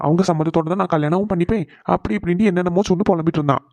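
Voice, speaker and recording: A woman's voice: on the low side, racing, a little mellow, no room sound, lightly acted. A woman voicing a firm, reassuring young husband in a cartoon. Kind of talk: cartoon voice acting.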